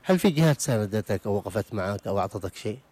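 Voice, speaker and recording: A man's voice: lowish voice, expressive, very fast, a little mellow. A Yemeni man hosting a radio interview in an outdoor market, moving from formal welcomes to patient, repeated questions. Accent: Yemeni Arabic. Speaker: radio host.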